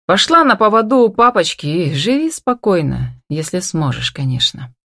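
A woman's voice: fairly low pitch, big pitch swings, normal speed, pushed and bright, dry recording, studio quality, full character voice. A woman reading the lines of a sarcastic, grumbling male boss without much change of voice.

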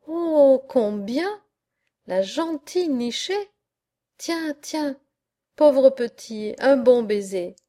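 An excitable young country girl from a storybook, full of little cries and exclamations, as a woman reader puts her on. The voice sits fairly high, with a soft, mellow tone and an unhurried reading pace. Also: exaggerated voice. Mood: excited.

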